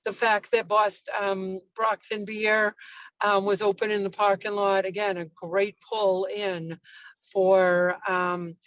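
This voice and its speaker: A woman's voice: mid-range voice, flat delivery, slow pace, no room sound. A woman calls in over her car speakerphone while she drives, chatty and enthusiastic. Her voice comes through dull and muffled, with a very dry sound and no room around it. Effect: speaking over a car speakerphone while driving. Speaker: parade volunteer. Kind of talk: video meeting call. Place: in a car, driving.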